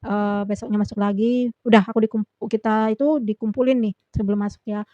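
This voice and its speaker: A woman's voice: mid-range voice, fairly even intonation, brisk, dark tone, no room sound, muffled recording. A young woman vlogger telling a personal story in a casual, rambling way with many fillers.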